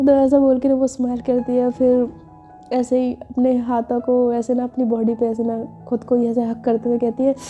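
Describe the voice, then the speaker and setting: A woman's voice: on the high side, mellow, dull audio. A woman telling a romance story in a chatty, informal way with many fillers. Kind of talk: casual spoken storytelling.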